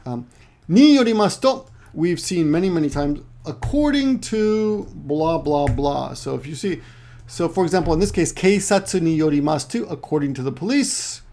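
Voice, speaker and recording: This Japanese teacher, a middle-aged man from Peru now based in Japan, speaks with a dark, somewhat high voice touched by vocal fry. His informal online lesson wanders, full of self-corrections and jokes on the side.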